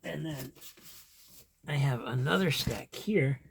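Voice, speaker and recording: A man's voice: medium pitch, takes it slowly, creaky, slight background noise. Rambling, chuckling male vlogger. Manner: rambling, chuckles to himself, trails off. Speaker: comic collector vlogger. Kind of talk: casual chat.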